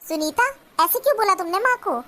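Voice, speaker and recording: Cartoon son caught in the middle, placating, very high bright voice, done by a woman. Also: animated, brisk, full character voice. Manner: pleading, placating. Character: young husband caught between mother and wife.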